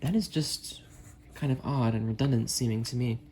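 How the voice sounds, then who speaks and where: With a dark tone, medium pitch and moderate pace, a man who makes videos reviewing weather radios rambles to camera as a keen radio hobbyist talking with friends. Background storm noise runs through the rough amateur recording.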